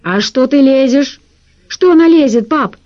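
A cheeky young boy, put on by a woman narrator talks back in a raised, bratty voice. Her tone stays mellow under the attitude. The audiobook sound is dull and lo-fi. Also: high voice, expressive, measured pace, pitched above the performer's own voice. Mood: defiant. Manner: cheeky, argumentative. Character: sulky, defiant young boy.

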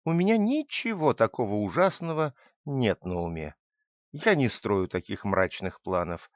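A man reads out a cunning male thief who schemes and bluffs and then bellows for help. The voice rises and falls with lively swings. The sound is muffled and dry, with no room echo. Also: lowish voice, unhurried. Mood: sly. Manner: pleading then shouting for help. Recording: dull lo-fi dry recording.

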